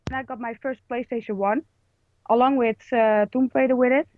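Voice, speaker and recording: A woman's voice: on the high side, steady tone, a little fast, no room sound. A woman calling in to chat casually, hesitant with lots of fillers, her line crackling and cutting in and out. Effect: crackly call line cutting in and out. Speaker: caller. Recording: tinny, dry call line.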